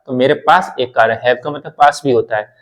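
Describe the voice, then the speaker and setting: A man's voice: medium pitch, moderate pace, poor audio. A man teaching English grammar in a classroom lesson, repeating terms and reassuring learners. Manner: repetitive, reassuring explanations.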